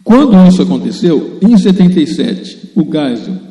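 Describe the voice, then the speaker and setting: A man's voice: a little high, very animated, moderate pace, warm tone. An Italian-born man, a native Italian speaker, giving earnest, emphatic spoken commentary that addresses his listeners directly. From Italy. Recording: roomy echo with long reverb.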